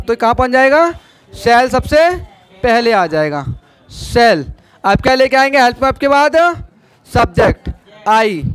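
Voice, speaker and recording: A man teaches a class. His voice is very high and clear. He talks slowly, quizzes the students and draws each example sentence out word by word. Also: a bit bright, no echo. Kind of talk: classroom grammar lesson.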